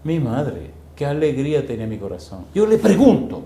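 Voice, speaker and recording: A man's voice: on the high side, very animated, normal speed, mellow, echoey room. A male pastor, preaching a storytelling sermon and putting rhetorical questions to his congregation. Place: church.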